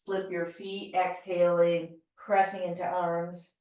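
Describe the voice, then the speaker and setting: A middle-aged American woman leading a yoga class, calmly and gently cueing breath and movement. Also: on the low side, slow pace. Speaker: yoga teacher. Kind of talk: guided yoga class instruction. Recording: very echoey room, voice from far off.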